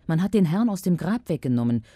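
A woman's voice: on the low side, big pitch swings, fast talker, mellow, no echo. A woman reading the lines of a grieving woman searching for her lord, in a plain scripture-reading voice. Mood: urgent.

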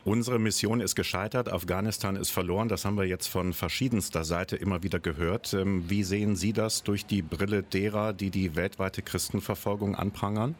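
Deep-voiced calm radio interviewer. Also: male voice, a little fast, hardly any pauses.

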